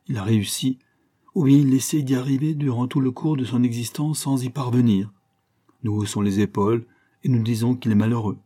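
A man voicing a bitter, ironic gentleman lawyer. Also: mid-range voice, close to an everyday voice. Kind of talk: audiobook reading.

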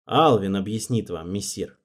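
A man reading the part of an unsure young ruler who talks hesitantly and gently. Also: lowish voice, expressive, normal speed.

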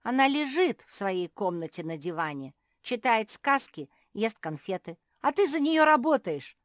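A woman voicing a loud, bossy young female pug who teases and shouts in a shrill voice for a storybook reading. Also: sing-song, moderate pace, no echo, clean studio sound. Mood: teasing.

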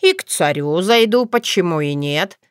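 A woman's voice: lowish voice, animated, moderate pace, clean tone, no room sound, studio quality, natural voice. A woman voicing a playful, bossy old witch grandmother who talks in a teasing, folksy way.

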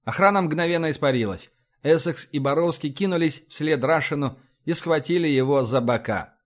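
A man narrating an audiobook in an even storytelling delivery. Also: on the high side, normal speed.

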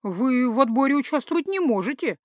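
A woman's voice: sits high, expressive, brisk, no room sound, studio quality, pitched above the performer's own voice. A woman voicing a polite, earnest man who recruits girls with magic, explaining patiently.

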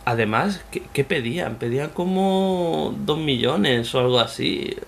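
A man's voice: a little high, animated, measured pace, vocal fry, slight background noise. A man, co-hosting a casual podcast chat, joking and often laughing. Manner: joking, laughs often, acts out mock quotes. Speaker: podcast co-host.

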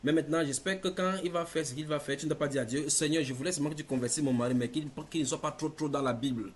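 Man, preacher, brisk delivery, directive, faint background noise. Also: fairly high pitch. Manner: directive, quick, ends points with "d'accord?". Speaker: preacher leading a teaching session. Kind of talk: pastoral counsel.

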